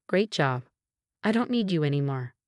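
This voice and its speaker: A woman voicing a smug, scheming husband in his fifties in a narrated story, mocking and later yelling in panic. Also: deep voice, lively intonation, normal speed, no echo, clean studio sound.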